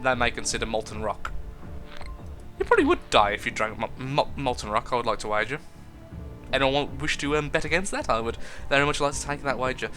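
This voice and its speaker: This is casual gameplay commentary from a young male host who cracks jokes and voices the on-screen text as he goes. The voice is mid-range, bright, and pushed.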